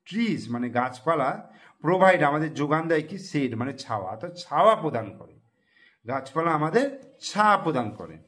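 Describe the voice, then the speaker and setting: A man tutoring young students, spelling words letter by letter and repeating them slowly. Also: on the high side, very animated, a bit bright. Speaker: math and English tutor.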